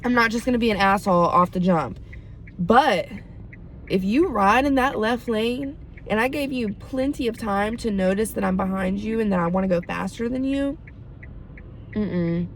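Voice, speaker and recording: A woman's voice: mid-range voice, normal speed, a little hiss or hum. A young woman talking candidly to camera in a casual vlog, chatty and full of likes. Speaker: vlogger.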